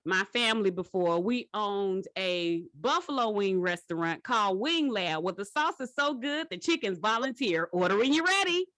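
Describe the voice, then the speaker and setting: A woman hosting a casual podcast chat. Her voice is bright and lively, rising and falling a lot as she tells animated stories. The sound is dry and close. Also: medium pitch, normal speed, hardly any pauses, no echo. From Georgia, US. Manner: animated, laughing storyteller. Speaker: podcast host.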